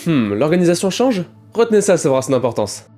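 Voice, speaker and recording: A man delivering a scripted voice-over for his exploration video, brisk and wry. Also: a little high, big pitch swings, over music. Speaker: video creator.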